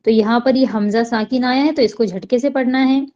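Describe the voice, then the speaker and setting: A woman teaching Quran recitation. She explains each sound patiently and chants the verses slowly. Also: on the high side, fairly even intonation, warm tone, muffled recording.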